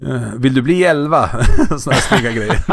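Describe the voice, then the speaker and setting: A man's voice: mid-range voice, husky, no echo, studio quality. A man from northern Sweden, a magician, telling a story in casual chat and acting out the voices. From Skellefteå, northern Sweden. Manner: animated storyteller, acts out voices, laughs often.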